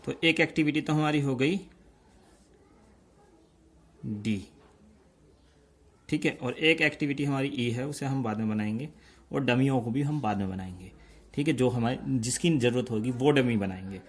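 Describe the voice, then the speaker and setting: Man teaching step by step. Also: mid-range voice. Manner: explains slowly, checks in often. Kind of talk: step-by-step lecture.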